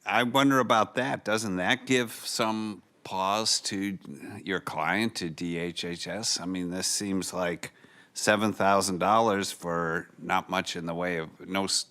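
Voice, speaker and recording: A man with a very low voice questions a lawyer from the bench. His questions are skeptical and probing. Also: steady tone, unhurried, sharp tone. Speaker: appellate judge. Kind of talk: questioning counsel. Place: courtroom.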